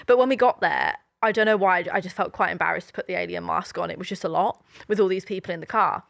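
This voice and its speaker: A woman's voice: lowish voice, fast, vocal fry, a bit bright, no echo, clean studio sound. A woman in her twenties, co-hosting a podcast and telling stories in a chatty, rambling way full of fillers. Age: 20s. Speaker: podcast co-host. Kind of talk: casual chat.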